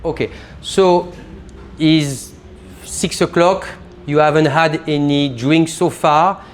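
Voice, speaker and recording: A man leads a live tasting class as sommelier, his voice sitting a little high. He talks in an animated way, explaining each step as he demonstrates it. A faint room ambience hangs behind him in a private tasting room. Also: takes it slowly, a little hiss or hum.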